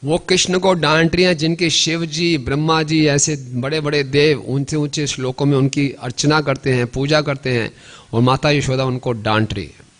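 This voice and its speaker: A male preacher telling a devotional story in a temple sermon. He often adds tag questions and slowly chants verses. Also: on the high side, steady tone.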